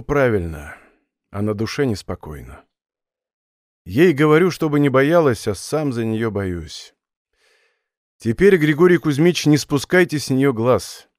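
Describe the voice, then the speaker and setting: A man's voice: mid-range voice, a little mellow, no room sound, studio quality. A man voicing a worried, firm police major. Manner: earnest, commanding.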